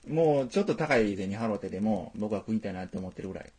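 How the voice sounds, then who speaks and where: A man with a Tosa (Kochi) Japanese accent co-hosts a podcast, chatting casually, joking and laughing often, and slipping in playfully formal asides. His voice is on the low side and dark-toned with a breathy edge, quick-paced with lively intonation.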